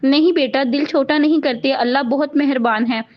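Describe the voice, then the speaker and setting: A woman reading the lines of a gentle, worried older father who speaks softly. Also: sits high, moderate pace, natural voice. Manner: soft, consoling. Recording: dull lo-fi audio.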